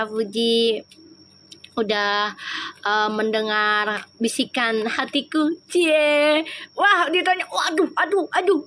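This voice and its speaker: High-voiced chatty woman tarot reader. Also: a little hiss or hum. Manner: jokey and teasing, bursts into loud laughter; slow, soft-spoken when praying. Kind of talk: live tarot reading, chatting with viewers.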